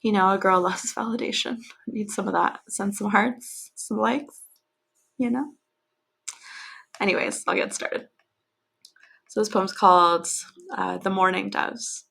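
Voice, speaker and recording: A woman's voice: mid-range voice, measured pace, gravelly, long pauses, fairly bright tone, slightly rough. A woman podcaster chatting casually and then reading her own poem aloud, with a self-deprecating manner. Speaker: podcast host and poet. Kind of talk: casual chat and poetry reading.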